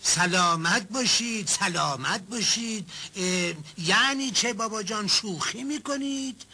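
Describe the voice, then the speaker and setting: A man's voice: sits high, bright, forceful tone, slightly rough, full character voice. An actor playing an impatient man scolding a servant.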